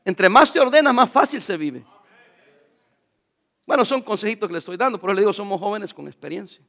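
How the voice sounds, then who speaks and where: A man's voice: high voice, expressive, a little fast, vocal fry, fairly bright tone. A middle-aged man preaching a sermon as a pastor, jovial and joking with the congregation.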